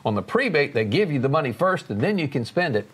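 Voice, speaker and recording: A man's voice: fairly high pitch, very animated, quick pace, husky. A man co-hosting a podcast in casual chat, folksy with joking asides. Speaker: podcast co-host.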